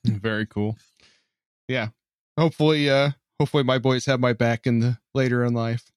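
A man's voice: medium pitch, steady tone, moderate pace, no room sound. A man with a mid-range voice hosts a podcast interview and keeps things easygoing. His replies are often short and casual. The sound is dry and close. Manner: easygoing, brief responses. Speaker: podcast host.

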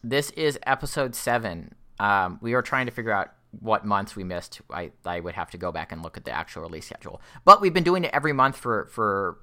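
A man's voice: fairly low pitch, sing-song, a little fast, few pauses, pushed and bright. A young man co-hosting a casual podcast chat, rambling with lots of fillers and restarts. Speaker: podcast co-host.

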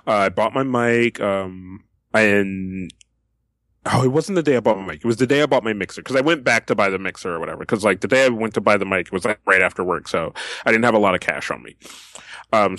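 Lively young man telling a story. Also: fairly low pitch, brisk, no room sound, studio quality. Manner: animated storyteller with restarts and laughter. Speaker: podcast co-host. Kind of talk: casual podcast chat. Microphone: podcast microphone.

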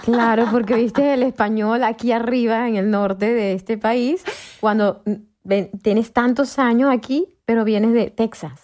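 A woman's voice: fairly high pitch, steady tone, a little slow, a little mellow. A woman with a Caracas Venezuelan accent hosting a casual interview, chatty and telling stories that act out quoted speech. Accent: Caracas Venezuelan Spanish. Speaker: host.

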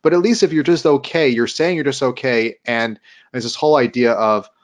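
This podcast co-host speaks at a medium pitch and a quick clip. In loose, chatty conversation, he retells scenes and performs the quotes himself.

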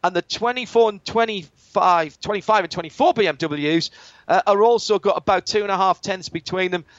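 A man's voice: sits high, fairly quick, no room sound. A man giving fluent, descriptive live motorsport commentary as a play-by-play radio commentator. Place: live trackside at a street circuit. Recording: dull band-limited broadcast, loud trackside car noise.

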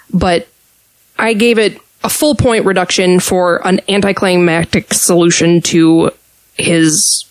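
A woman's voice: on the low side, no echo. A woman co-hosting a podcast in casual chat, laughing often and checking in with her partner. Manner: laughing, self-aware. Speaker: podcast co-host.

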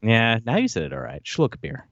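A man's voice: mid-range voice, wildly swooping pitch, normal speed, vocal fry, fairly bright tone, no echo, highs cut off. A man guesting on a casual podcast chat, joking and teasing the hosts.

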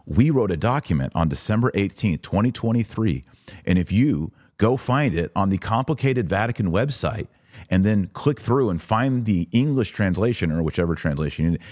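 A low-pitched, somewhat mellow man hosts a podcast of religious commentary streamed to a live online audience. Emphatic throughout, he asks rhetorical questions and acts out objections he imagines, with studio-quality sound and no room echo.

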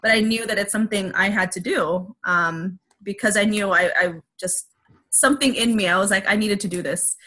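A woman's voice: medium pitch, moderate pace, pushed and bright. A woman speaking candidly as an interview guest, reflective and open, with many fillers and restarts. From Filipino heritage.

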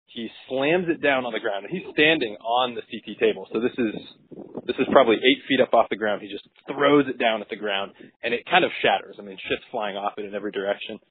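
A man, a physician, casually recounting a case on a podcast with relaxed, wry and crude asides. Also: lowish voice, fast talker, a little hiss or hum. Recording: tinny dry phone-like recording.

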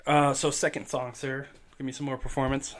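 Relaxed male game master, casual narrator who swears and laughs easily. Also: mid-range voice, fairly quick.

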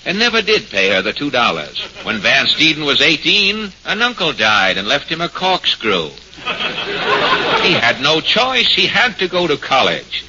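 Lively mock-solemn man narrating old radio comedy. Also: a little high, moderate pace. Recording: muffled, hissy 1940s radio recording.

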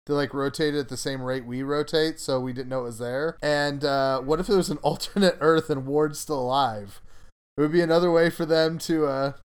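A man hosting a casual podcast chat, talking in a relaxed, rambling way. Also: on the high side, normal speed, clean tone. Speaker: podcast host.

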